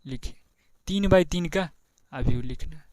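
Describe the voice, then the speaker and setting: A man's voice: fairly high pitch, unhurried, darkish tone, no room sound. A young male maths teacher with a Bihari Hindi accent explains a board exam lesson, talking in a chatty way, repeating each step and often checking "ठीक है ना". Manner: chatty, repeats steps, keeps asking "ठीक है ना". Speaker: math teacher.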